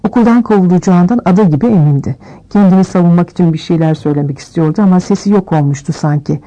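A woman reading a novel aloud as scripted narration, shifting her pitch a little for each character. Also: quick pace, mellow, poor audio. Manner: reads all characters with small pitch shifts. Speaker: audiobook reader.

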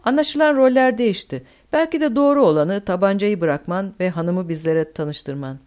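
A woman voicing a calm, fatalistic older male German officer in an audiobook. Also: mid-range voice, moderate pace, dull audio, lightly acted. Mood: resigned.

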